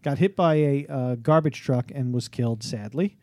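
A man's voice: mid-range voice, moderate pace, warm tone, no room sound. A man hosts a radio show in loose, bantering talk, often repeating his own phrases.

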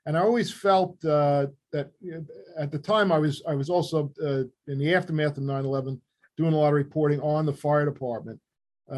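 An older man with a Queens New York accent, explaining things in a measured way as an interview guest. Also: on the high side, a little mellow. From Queens, New York City, USA. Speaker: interview guest, former newspaper reporter and author. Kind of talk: conversational interview answers.

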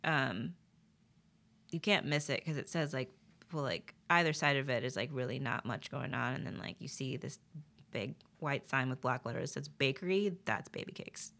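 A woman guest chatting in an interview, telling stories in an animated way, with lots of fillers and laughter. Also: extremely low pitch, normal speed. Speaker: guest, poet. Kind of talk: casual interview chat.

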